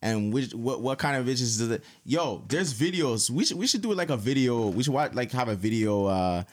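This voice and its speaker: A young man hosts casual podcast banter. He talks in slang and repeats phrases to drive them home. His mid-range pitch moves up and down a lot. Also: very animated, normal speed, darkish tone. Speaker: podcast host.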